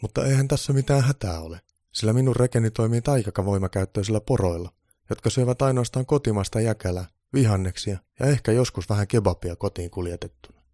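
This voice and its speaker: A man voicing an old Santa Claus who booms cheerful calls and grumbles when puzzled. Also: warm tone, no room sound, studio quality, lightly acted. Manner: booming exclamations, grumbling mutters.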